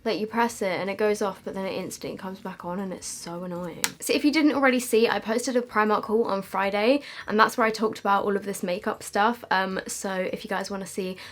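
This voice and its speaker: A woman's voice: mid-range voice, steady tone, a little fast, hardly any pauses. A young British woman with a slight lisp from wearing a retainer, chatting casually and self-deprecatingly to camera in a makeup review. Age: young adult. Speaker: beauty vlogger. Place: small decorated room indoors.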